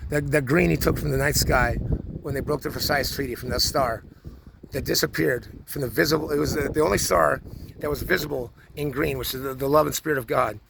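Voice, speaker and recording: A man's voice: medium pitch, brisk, creaky, background noise. A man in his forties talking through a rambling personal monologue, full of restarts and repeated words. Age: 40s. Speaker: vlogger.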